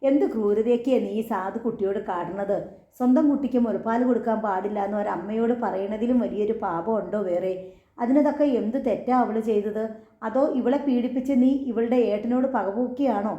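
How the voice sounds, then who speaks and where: A woman's voice: medium pitch, fairly quick, warm tone, lightly acted. A woman voicing a protective older sister who scolds reproachfully. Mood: indignant. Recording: echoey, slightly dull recording.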